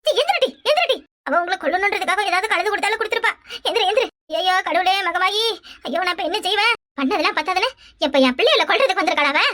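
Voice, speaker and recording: A woman voicing a loud, fretful village mother in a cartoon, with a Kanyakumari Tamil accent and a shrill, scolding manner. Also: very fast. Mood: frantic. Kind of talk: cartoon voice acting.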